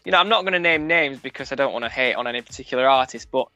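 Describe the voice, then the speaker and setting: Rapid-fire and sharp in a mid-range voice, this young adult Sheffield musician gives a frank, casual radio interview in a broad local accent, often restarting and filling. The recording is dull and dry, with music underneath.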